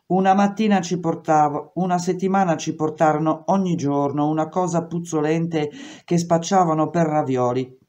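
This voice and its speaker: A woman reading a memoir aloud in steady, measured first-person narration. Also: low-pitched, muffled recording. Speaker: reader.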